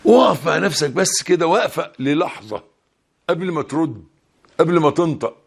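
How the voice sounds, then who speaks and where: A man's voice: on the high side, lively intonation, moderate pace, creaky, breathy edge. A man with an Egyptian Arabic accent giving a Ramadan sermon, colloquial and emphatic, pressing his points. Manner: colloquial, emphatic, rising loudness when stressing points. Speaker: preacher.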